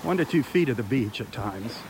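Loud wind and surf surround a man narrating a casual beach-walk live stream into his handheld phone. Chatty and enthusiastic, he addresses viewers directly at a fairly quick clip, his mid-pitched voice full of lively intonation.

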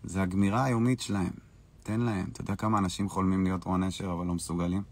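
A man's voice: low-pitched, fairly even intonation, a little mellow. A man hosting a live stream, casually answering viewers' questions in a brash, boastful and dismissive way.

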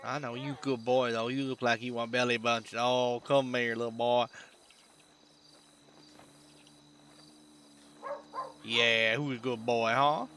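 A man's voice: mid-range voice, level tone, normal speed, a bit bright, a little hiss or hum, close to an everyday voice. A man playing a friendly, folksy country tow-truck driver with a drawling way of talking, in a game role-play. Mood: doting.

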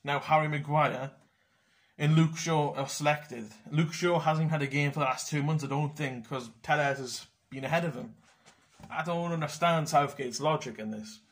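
A man's voice: fairly high pitch, moderate pace. A young man ranting casually about football selections, blunt and sweary. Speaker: football fan vlogger.

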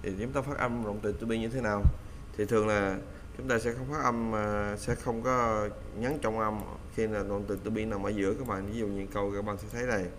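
Low-voiced man teaching English pronunciation. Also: steady tone, slight background noise. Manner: repeats English phrases slowly after the recording, chatty fillers. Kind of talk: casual spoken lesson, repeating model sentences slowly.

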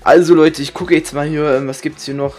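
A man's voice: fairly high pitch, fairly even intonation, a little fast, a little mellow. A young man from Germany gives casual, rambling gameplay commentary in slangy speech, grumbling and swearing. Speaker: gaming streamer. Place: indoor room with webcam.

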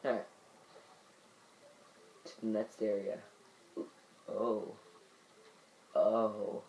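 Slow-talking man muttering game commentary. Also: fairly low pitch, little pitch movement, vocal fry, a little mellow, slight background noise, low-quality recording. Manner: muttering to himself while playing. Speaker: gamer. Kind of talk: let's play commentary.

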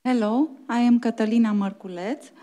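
A woman's voice: on the high side, steady tone, moderate pace, warm tone. A woman from Romania, a researcher, giving a brief, plain self-introduction at a workshop.

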